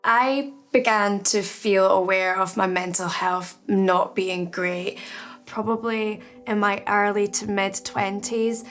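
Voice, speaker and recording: A woman's voice: mid-range voice, steady tone, takes it slowly, faint music behind. A woman in her thirties from Edinburgh with a Scottish accent, speaking reflectively and candidly in a documentary interview. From Scotland, Edinburgh. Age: 30s. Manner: reflective, candid, softly spoken. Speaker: artist.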